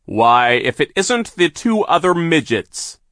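Villainous male foreman, sneering and unhurried, loud and pitched up; voiced by the male narrator. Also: big pitch swings, no room sound, clean studio sound, full character voice. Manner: slow, mocking, drawn-out. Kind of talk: audiobook character voice.

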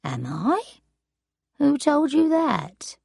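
A woman reading an audiobook, voicing a confused, forgetful grandmother of eighty in a high, shaky voice. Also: very animated, drawn-out words, gravelly, a little mellow, dry recording, studio quality, full character voice. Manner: vague, wandering.

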